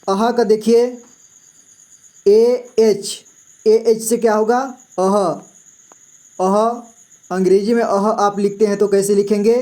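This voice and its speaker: Slow, patient male teacher. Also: high voice, darkish tone. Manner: patient, repeats "theek hai" often. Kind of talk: slow classroom explanation.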